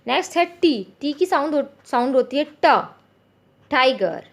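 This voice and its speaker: A woman with an Indian accent teaching phonics to parents, repeating each letter sound slowly and clearly. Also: high voice, darkish tone.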